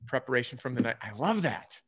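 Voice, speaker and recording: A man hosting an interview over a video call who talks in an enthusiastic, chatty way, full of quick asides. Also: medium pitch, sing-song, slightly rough. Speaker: host. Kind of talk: interview host.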